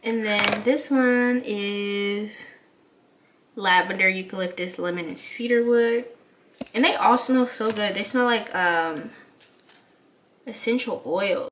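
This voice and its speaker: Recording her hair care vlog on a phone or camera propped on a counter in a small bathroom, a young woman in her twenties talks slowly at medium pitch with a fairly bright tone. She's stuffed up and nasal from a cold, chatting in a rambling way with plenty of fillers, over slight background noise.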